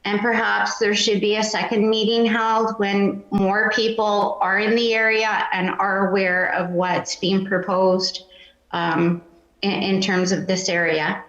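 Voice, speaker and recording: Woman resident, squeaky voice, slow and hesitant, not a practiced speaker; roomy, dull chamber recording. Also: level tone, a bit bright. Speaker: resident speaking at public meeting. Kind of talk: public comment at council meeting. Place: council chamber.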